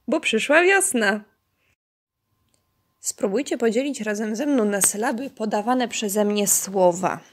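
A woman preschool teacher takes her time with each word and leaves long pauses for the little ones at home. Her pitch sits in an ordinary middle range. She speaks clearly and keeps cheering the children on as she leads them through the lesson. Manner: slow, clear and encouraging, praising the children. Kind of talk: online lesson for young children.

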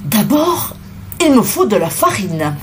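A woman voicing a gentle, bumbling male wolf who talks softly and stammers when flustered. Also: mid-range voice, big pitch swings, measured pace, a little hiss or hum. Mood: eager.

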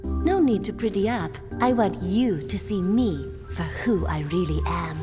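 A woman's voice: medium pitch, animated, measured pace, long reverb tail, close to an everyday voice. An actress playing a composed, teasing female agent in a game. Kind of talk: video game voice acting. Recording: game audio with music behind.

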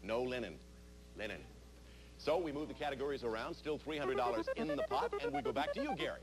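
A man's voice: medium pitch, big pitch swings, quick pace, over music. A middle-aged man hosting a television quiz show, reading out questions to contestants in a studio. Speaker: game show host. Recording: noisy vintage TV tape.

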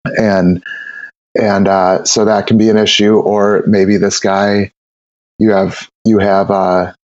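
A man's voice: lowish voice, flat delivery, slow pace, darkish tone, no echo, highs cut off. A man talking casually as a brewer guest on an interview podcast, rambling with many repeated words and fillers.

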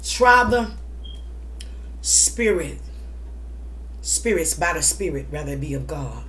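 A woman's voice: sits low, big pitch swings, slow, a bit bright, slight background noise. A middle-aged woman giving testimonial vlog talk in a preacher-like, emphatic way, repeating short phrases. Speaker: mukbang vlogger. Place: small indoor room at home.

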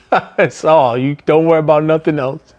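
A middle-aged man recounts his restaurant management days in a loose, conversational ramble. His voice sits a touch high for a man, and he keeps punctuating his thoughts with "right?" and "man." When he quotes other people, he jumps into high, strained voices. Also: steady tone, moderate pace, a little mellow, dull audio. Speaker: business vlogger and former restaurant manager. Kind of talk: casual storytelling monologue.

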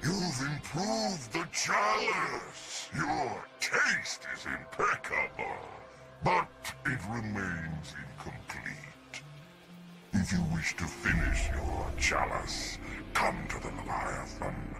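In a video game cutscene, an actor plays a pompous, decadent alien emperor with a gravelly, booming, theatrical voice that drops to whispers as he savors his words. The exaggerated, grandiose delivery is slow, with huge pitch swings, over loud music.

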